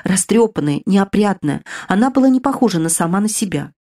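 Brief: female audiobook narrator, first-person fantasy, measured and expressive. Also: medium pitch.

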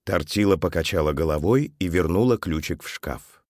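A man narrating a children's story audiobook in a calm, even manner. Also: sits low, normal speed, no room sound, clean studio sound.

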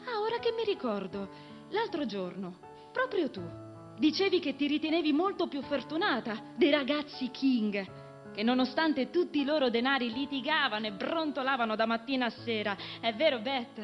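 A woman's voice: sits high, animated, moderate pace, soft background music. A woman voicing a proper eldest sister, a young woman who talks in a prim, lecturing way. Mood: nostalgic.

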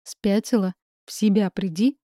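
Женщина читает за холодного резкого парня. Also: female voice, mid-range voice, steady tone, measured pace, dark tone, no echo, studio quality, close to an everyday voice. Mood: stern. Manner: curt, icy, commanding. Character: cold, harsh young man breaking up.

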